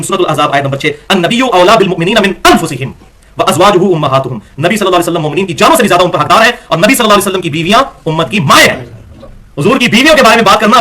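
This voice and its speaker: A man giving an emphatic, argumentative religious lecture, slowing down to recite scripture verses. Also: sits high, pushed and bright. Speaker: religious speaker.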